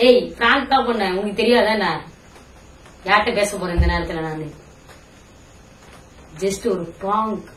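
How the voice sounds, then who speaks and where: A woman's voice: mid-range voice, echoey room, distant mic, poor audio. A young woman in a casual prank vlog, talking bluntly and scolding, then teasing. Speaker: prankster vlogger.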